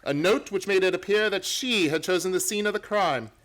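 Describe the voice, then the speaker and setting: In an old-time radio play, an actor with a high voice portrays a brisk, self-assured gentleman detective. His formal explanations come across as theatrical, precise, and assured.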